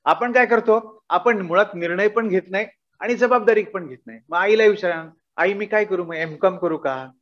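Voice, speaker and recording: A man's voice: high voice, dull audio. A man giving a motivational talk to college students, asking them questions and acting out little dialogues. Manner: animated, acts out dialogues, asks audience questions. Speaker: guest speaker. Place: college auditorium.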